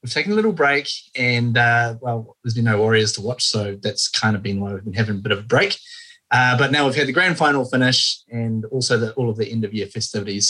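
A man's voice: medium pitch, sharp tone, rough recording. Male podcast host, Maori-influenced New Zealand accent, casual sports chat.

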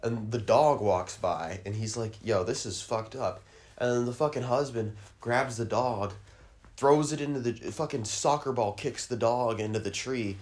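A man hosting a comedy podcast, rambling crudely through a stream of ums and restarts and breaking into shrill squealed sound effects. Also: moderate pace, a little mellow. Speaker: podcast host.

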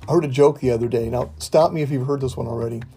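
A man's voice: medium pitch, rapid-fire, mellow, husky. An older man from the US hosting a casual podcast monologue, telling stories in a wry, folksy way over faint guitar music. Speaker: podcast host.

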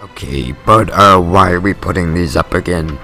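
Man playing a deep, gravelly, hesitant guy. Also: moderate pace, bright, forceful tone, faint music behind, full character voice. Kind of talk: amateur comedy drama acting.

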